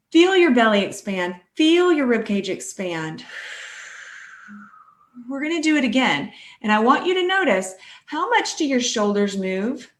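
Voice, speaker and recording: A woman's voice: medium pitch, echoey room. A middle-aged woman life coach leading a live online class, encouraging and often asking her audience questions.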